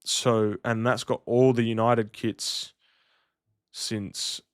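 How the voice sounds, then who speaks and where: A man's voice: mid-range voice, flat delivery, takes it slowly, clean tone, no room sound, studio quality. A man, chatting casually to livestream viewers in a slangy, matey way. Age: 30s. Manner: laid-back slangy, matey address. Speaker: livestream host.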